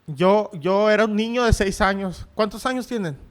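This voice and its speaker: High-voiced male pastor telling a story. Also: moderate pace. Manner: storytelling, acting out quoted voices, rising to shouts. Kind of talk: sermon with personal testimony.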